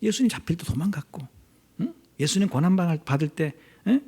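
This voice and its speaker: A male pastor giving a midweek prayer service sermon, talking to the congregation, rising to loud emphasis and dropping to near-whispers. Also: on the high side, a little fast, breathy edge. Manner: animated preaching, swings between loud emphasis and near-whispers; conversational, addresses congregation directly.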